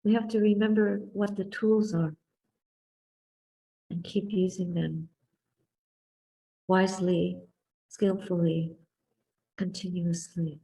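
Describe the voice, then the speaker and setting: A woman giving a Buddhist talk and guided meditation in a soft, calm, deliberate voice, speaking in short contemplative phrases with long pauses. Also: lowish voice, creaky, distant mic, low-quality recording. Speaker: Buddhist nun teaching and guiding meditation.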